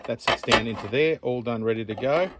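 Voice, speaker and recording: A man hosting an outdoor channel, casually demonstrating a camp stove in a relaxed, rambling, chatty way. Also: medium pitch, brisk, very noisy.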